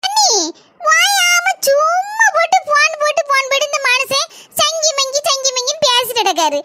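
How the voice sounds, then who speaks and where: A woman voicing a jealous, sharp-tongued young wife with a Kanyakumari Tamil accent. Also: very high voice, lively intonation, normal speed, heavy background noise. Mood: jealous, snappy. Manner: snappy, accusing.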